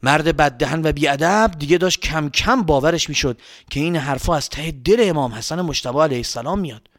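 A man narrating a story for children with lively emphasis. His voice sits slightly high and rises sharply when he stresses a point. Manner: animated, emphatic.

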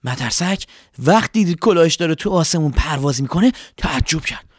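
A man reads a children's story aloud, gentle and expressive. His voice sits a bit high for a man. The recording is close and dry. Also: no echo.

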